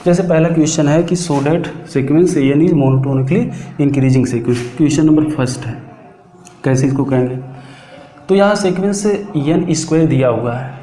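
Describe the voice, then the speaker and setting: A man's voice: a little high, warm tone. Man teaching math in an echoey room. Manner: explains step by step, keeps asking and answering his own questions; slows down while dictating English formulas. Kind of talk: classroom lecture. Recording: echoey room, faint background noise.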